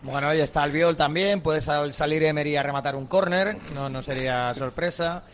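A man from analysing football live, unscripted and halting, often repeating how his phrases start. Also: on the high side, fairly even intonation. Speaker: football pundit.

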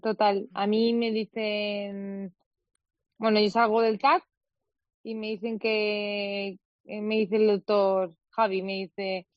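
A young woman from Spain speaks as a radio guest and tells a personal story, full of quoted dialogue and restarts. Her voice sits at a middle pitch. The studio sound is dry and a little dull. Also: little pitch movement, slow pace, no room sound. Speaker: interview guest, footballer. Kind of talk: emotional personal account in an interview.

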